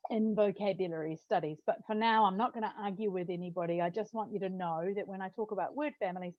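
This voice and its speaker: A lecturer gives an academic talk in a chatty, conversational way, often tagging on "right?" and restarting her phrases. Hungarian is her second language, and her medium-pitched voice comes from a home study with a bookshelf. The recording is dull, dry and lo-fi with no echo.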